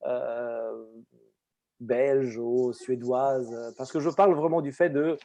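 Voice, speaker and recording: Expressive Italian-accented man chatting. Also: medium pitch, takes it slowly. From Italy. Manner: expressive, animated. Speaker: actor and guest speaker. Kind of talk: casual conversation.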